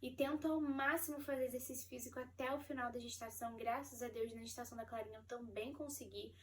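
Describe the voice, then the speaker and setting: A Brazilian woman telling a personal story to her viewers in a chatty, animated way, often laughing. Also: on the high side, fast talker, distant mic. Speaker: vlogger, mother of four. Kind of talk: casual storytelling to camera.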